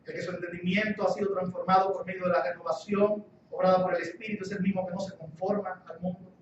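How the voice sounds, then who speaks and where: A man with a high voice preaches a sermon, pressing his points and repeating key phrases. He sounds far from the microphone, with heavy echo in a church hall and a dull, muffled tone. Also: flat delivery, fast, slight background noise. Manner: emphatic, repeats key phrases, rhetorical questions. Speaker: guest pastor. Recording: echoey church hall, distant dull mic.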